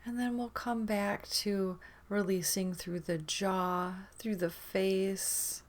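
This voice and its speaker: A woman with a medium-pitched voice and a level tone leads a meditation, her delivery gentle and soothing, with long gaps between phrases.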